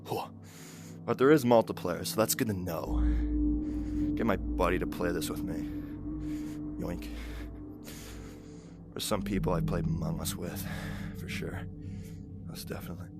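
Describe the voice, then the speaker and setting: A man giving casual commentary while playing a VR game, exclaiming and swearing when startled and counting quietly to himself. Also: low voice, normal speed, over loud music. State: out of breath. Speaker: gameplay streamer.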